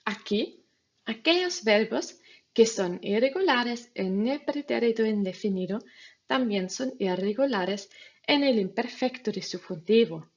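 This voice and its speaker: A woman teacher speaks slowly and patiently, giving students step-by-step instructions in a recorded grammar lesson. Her voice is a little breathy and husky. The recording sounds somewhat dull and lo-fi. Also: a little high, expressive. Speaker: Spanish teacher.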